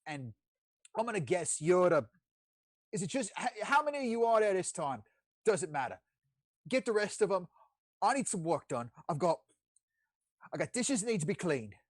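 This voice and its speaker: A man's voice: sits high, big pitch swings, moderate pace, long pauses, no room sound, pitched above the performer's own voice. A man voicing a tall, bossy devil head chef who curses and barks orders at kitchen staff. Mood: barking orders. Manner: barking, cursing orders.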